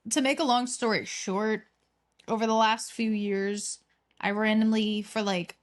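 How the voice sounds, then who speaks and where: A woman's voice: medium pitch, steady tone, measured pace. A young woman hosting a podcast, chatting casually and rambling, with restarts and frequent laughter. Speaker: podcast host. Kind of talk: casual chat.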